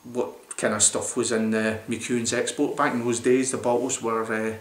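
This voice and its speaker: A man's voice: mid-range voice, little pitch movement, normal speed. A man in his forties, rambling enthusiastically with lots of fillers as he reviews a beer to camera in a small room. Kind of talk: casual beer review vlog. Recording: roomy echoey home recording.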